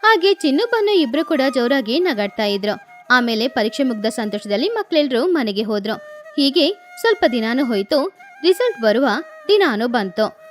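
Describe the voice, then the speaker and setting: Brief: woman storyteller for a kids' cartoon; high, lively, faint music under it. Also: moderate pace. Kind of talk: scripted cartoon narration.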